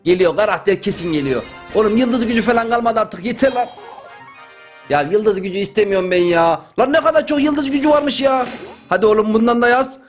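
A young man giving loud, joking, exclamatory commentary while playing a mobile game. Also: sits high, a little fast, soft background music. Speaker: gaming YouTuber. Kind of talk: excited gameplay commentary.

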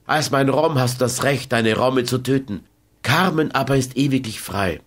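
A man's voice: medium pitch, moderate pace, fairly bright tone, pitched above the performer's own voice, lightly acted. A man doing a defiant, fatalistic young woman. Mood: cold defiant. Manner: cold, resolute, unyielding. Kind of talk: audiobook character voice.

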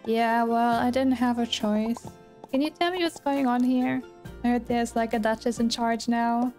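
A woman's voice: on the high side, fairly even intonation, moderate pace, darkish tone, soft background music, close to an everyday voice. A woman reading the lines of a weary, put-upon young male hermit crab hero from a game. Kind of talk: reading game dialogue aloud.

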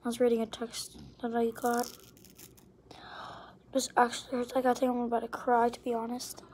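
A woman's voice: on the high side, monotone, moderate pace, a little mellow, slight background noise. A teenage girl or young woman vlogging to camera in a whiny, dramatic way, sometimes dropping to a whisper. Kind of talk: casual vlog talk to camera.

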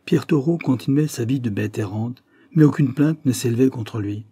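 A man's voice: mid-range voice, normal speed, warm tone, breathy edge, no echo, close to an everyday voice. A man reading an audiobook, voicing an anguished, guilt-ridden young man who confesses and breaks into desperate outbursts. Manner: tormented, rising to desperate outbursts.

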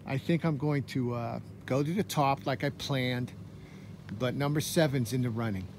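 A camping vlogger gives casual running commentary, thinking aloud in short phrases. He speaks at a normal speed with a medium-pitched voice. The recording is noisy with car and vehicle sounds.

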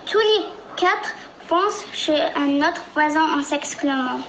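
In a roomy recording with faint noise, a woman narrates a children's storybook. Her voice is very high and bright, and she takes her time. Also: slow.

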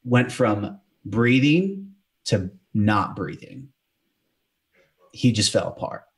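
Low-voiced man explaining emphatically. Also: animated, takes it slowly. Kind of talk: casual podcast conversation.

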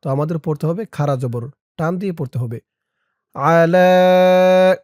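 A man with a Bangladeshi accent teaching an Arabic prayer syllable by syllable, chanting the Arabic slowly and drawn out, then explaining quickly in between. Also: on the high side, mellow, no room sound, clean studio sound.

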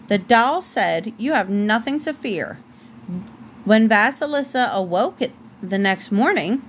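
A mother reads a bedtime story to her child at home. Her voice sits fairly high and breaks off now and then to talk with the child. A faint hiss runs behind it. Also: poor audio.

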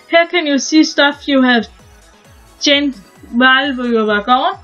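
A young Danish woman with a Danish accent shows off a game on her new channel in casual gameplay commentary, speaking haltingly and restarting sentences often. Her voice is a little high and fairly bright, and the recording sounds muffled.

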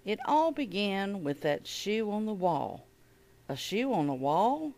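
A woman reading a children's picture book aloud at an elementary school, with an expressive, animated delivery. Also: mid-range voice, takes it slowly.

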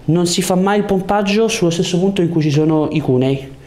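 A male chiropractor with a bright but low-key voice speaks fairly quickly, giving a patient calm, hands-on instructions through short coaching commands mixed with reassurance. He's in a small indoor treatment room, recorded on a lapel mic with noticeable background noise from the room.

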